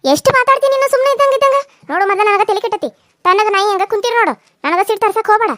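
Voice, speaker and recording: A woman voicing a sharp-tongued older village mother-in-law in a cartoon serial, scolding loudly and rapidly. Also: very high voice, lively intonation, no echo. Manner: loud, scolding, rapid-fire nagging.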